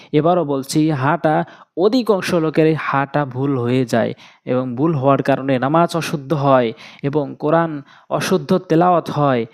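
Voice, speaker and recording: A man with a Bangladeshi Bengali accent teaching Quran reading step by step, slowly drilling and repeating letter sounds. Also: a little high, darkish tone. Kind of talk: step-by-step recitation lesson.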